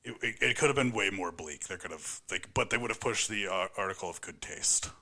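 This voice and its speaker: A man's voice: deep voice, sharp tone. A man co-hosting a podcast, joking around and riffing casually. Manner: joking, quick with bits and movie riffs. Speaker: podcast co-host. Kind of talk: casual chat.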